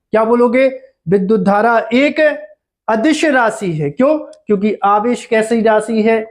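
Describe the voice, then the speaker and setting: A man teaching a physics lesson, repeating key terms and quizzing his students with questions. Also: high voice. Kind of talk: classroom lecture.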